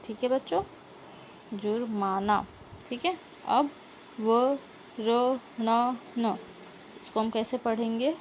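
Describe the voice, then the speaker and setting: A woman teacher speaks slowly and patiently, in a fairly high voice. She spells words out, repeats them and keeps checking with her pupils. Faint noise sits behind her. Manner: slow, repeats words and asks the class questions. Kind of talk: grammar lesson for schoolchildren.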